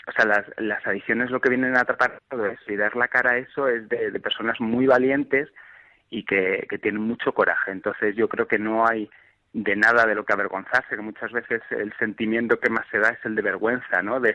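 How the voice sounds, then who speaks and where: A man's voice: on the low side, steady tone, moderate pace, sharp tone, dry recording. A man calling in to a radio show over the phone, speaking earnestly and hesitantly, with many fillers and restarts. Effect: heard over the phone. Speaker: radio call-in listener. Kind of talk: heartfelt phone-in comment. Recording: dull, dry phone line on radio.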